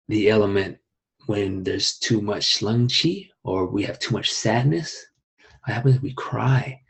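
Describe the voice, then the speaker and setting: A young man teaching an online qigong class in a calm, unhurried way, with rising emphasis and soft asides. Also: lowish voice, breathy edge.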